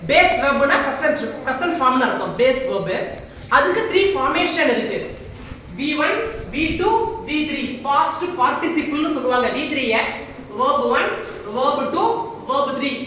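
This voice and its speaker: Explaining English grammar in Tamil mixed with English, a Tamil-accented woman frequently pauses to check that her students are following. She speaks in a high-pitched, pushed, bright voice. The classroom is very echoey, with faint noise in the background and her voice far from the microphone.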